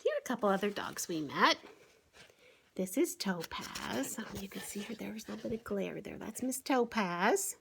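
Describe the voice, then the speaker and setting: Speaking at a normal speed with a medium-pitched, animated voice and some vocal fry, a woman leads online story time as a children's author. She talks through a picture book, frequently asking the young audience simple questions and exclaiming, over slight background noise.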